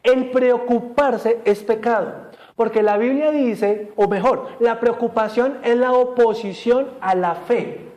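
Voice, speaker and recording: A man's voice: very high-pitched, takes it slowly, a little mellow. A man preaching a sermon to a church congregation, often asking them questions and joking. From Colombia. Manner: asks the congregation questions, jokes and laughs. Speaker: pastor. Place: church service streamed online.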